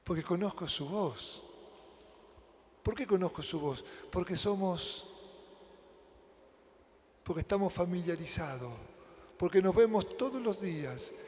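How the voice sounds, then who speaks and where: A man with an Argentine accent preaching a sermon as pastor. He swings between loud emphatic lines and hushed near-whispers, and asks many rhetorical questions. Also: sits high, lively intonation, a little slow, pauses often, a little hiss or hum. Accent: Argentine Spanish. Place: church hall. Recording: reverberant church hall.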